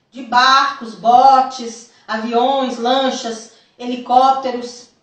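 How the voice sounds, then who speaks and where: A woman's voice: sits high, a bit bright. A woman with a Brazilian Portuguese accent giving an earnest religious testimony as a missionary, addressing listeners as brothers. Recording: echoey, from far off the mic.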